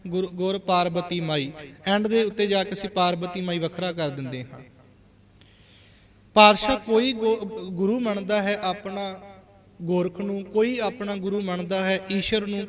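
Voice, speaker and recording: High-voiced Punjabi man teaching scripture recitation. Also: a bit bright. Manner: slow, deliberate recitation of verses with pauses. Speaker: Sikh preacher teaching scripture pronunciation. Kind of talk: religious lesson on recitation.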